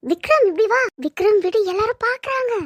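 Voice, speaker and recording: A woman voicing a gentle young wife in a cartoon, pleading with her husband to calm down. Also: very high-pitched, a little fast, no room sound. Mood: playful. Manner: pleading, calming. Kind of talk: cartoon voice acting. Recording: dull muffled audio.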